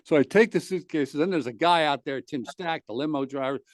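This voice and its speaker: In a podcast studio with clean sound and no echo, a male host with a voice on the high side tells a long comic anecdote, speaking a little fast. He's animated and acts out the other people's lines in the story.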